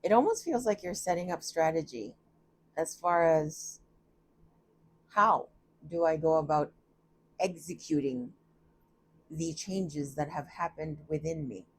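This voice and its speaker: A woman's voice: low-pitched, a little slow, pauses often, a little hiss or hum. A woman giving a casual, chatty tarot reading from a room at home, thinking aloud and often laughing at herself. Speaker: tarot reader.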